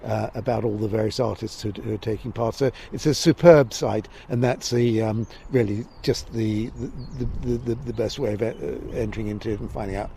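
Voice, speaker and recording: Male walking guide, southern English, creaky voice, halting unscripted interview delivery, faint outdoor noise behind. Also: on the low side. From Essex, England. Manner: hesitant, discursive, stop-start. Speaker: walking guide and festival guest. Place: outdoors near a creek by the estuary. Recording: steady background noise, outdoors.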